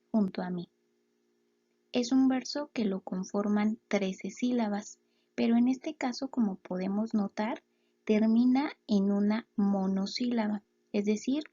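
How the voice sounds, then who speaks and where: Woman teacher, mellow husky voice, slow careful explanations, dull lo-fi sound. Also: medium pitch. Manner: slow, clear syllable-by-syllable explanations. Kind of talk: explaining a lesson.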